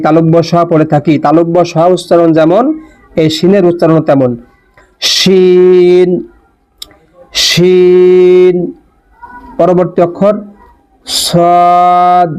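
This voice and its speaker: A man teaching letter pronunciation in a slow lesson, repeating and drawing out each sound with care. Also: a little high, a little mellow. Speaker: Quran teacher. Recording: dull lo-fi recording.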